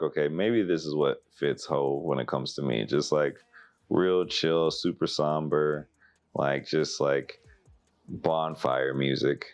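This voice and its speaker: Very low-voiced male album reviewer, casual and rambling. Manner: rambling, laughing, animated voices when quoting. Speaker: music reviewer.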